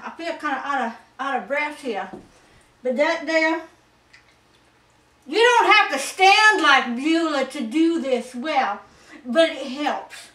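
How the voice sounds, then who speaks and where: A woman's voice: high voice, lively intonation, slow, pauses often, bright, forceful tone, full character voice. A woman playing a brash, folksy dog-show expert in a comic tutorial, self-assured and ungrammatical. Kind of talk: comedic character tutorial. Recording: roomy sound from a distant mic.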